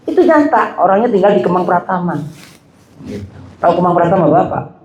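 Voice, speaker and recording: This preacher has a high, darkish voice with a brisk, sing-song delivery. In a relaxed study sermon, he talks with his listeners, poses questions, and keeps saying "gitu" and "begitu," all against a roomy hall echo.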